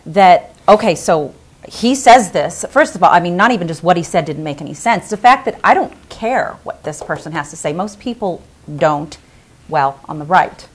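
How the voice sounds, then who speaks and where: A woman's voice: fairly low pitch, expressive, normal speed, husky. A woman commenting as a panel guest, talking in rambling, emphatic sentences. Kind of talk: panel discussion.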